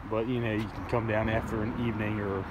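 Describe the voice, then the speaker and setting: Talking fast in a fairly low, flat voice, a man hosts a fishing vlog outdoors by a creek near a road bridge. He's rambling and chatty, full of fillers, as he walks the access point. Loud road noise and passing traffic come through his outdoor camera audio.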